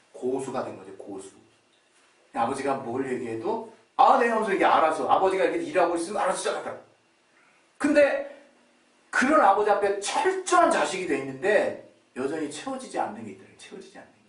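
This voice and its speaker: Male pastor with a fairly high, lively voice, preaching through stories in a roomy church hall far from the mic. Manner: animated, laughs often, acts out quotes. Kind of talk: sermon with personal storytelling.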